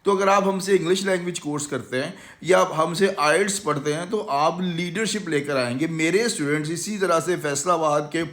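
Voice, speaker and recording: A man with a Pakistani Urdu accent pitches his English course in a confident, salesy way. He talks in a slightly raised voice and drops English words into his Urdu. It sounds like a promotional lesson given to camera. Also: normal speed, hardly any pauses, fairly bright tone. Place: language institute.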